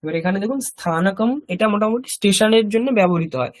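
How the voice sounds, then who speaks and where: A male teacher with a Bengali accent, giving a slow vocabulary lesson and repeating each word carefully. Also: high-pitched. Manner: repeats each word slowly, explains pronunciation. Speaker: Sanskrit teacher. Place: language school classroom.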